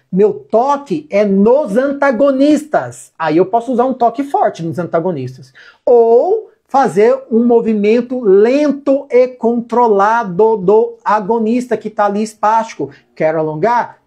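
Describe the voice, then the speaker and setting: A woman with a Brazilian Portuguese accent lectures on physiotherapy in a mellow, husky voice. She drives her points home by repeating them and firing questions she answers herself, in a casual classroom manner. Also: mid-range voice. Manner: emphatic, repeats key points, asks and answers own questions. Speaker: physiotherapy instructor. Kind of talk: informal lecture.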